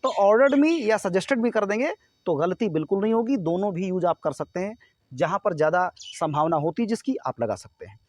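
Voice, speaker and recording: A man's voice: sits high, expressive, moderate pace. A man from India teaching a grammar lesson to students, explaining step by step and often checking that they follow.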